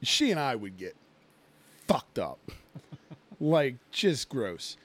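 A man in his thirties co-hosts a casual podcast, rambling and swearing his way through a long drinking story packed with fillers. His mid-range voice is sing-song and a bit bright, and he talks at a slow pace.

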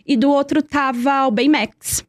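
A woman's voice: sits high, fairly even intonation, a little slow, no room sound, clean studio sound. A young woman telling a personal story in earnest, repeating words for emphasis. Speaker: guest.

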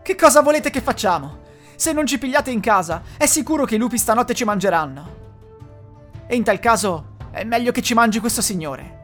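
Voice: mid-range voice, expressive, brisk, a bit bright, voice pushed up, natural voice. A frightened little boy, played by the storyteller, pleading as he trembles. His voice rises and falls. Faint music plays under the storybook telling. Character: small, clever boy, frightened.

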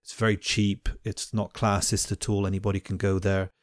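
A man's voice: fairly low pitch, level tone, moderate pace, dry recording, studio quality. A man who teaches at a university, talking in a thoughtful, academic way, often restarting his phrases. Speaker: podcast host and university teacher. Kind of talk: reflective conversational discussion.

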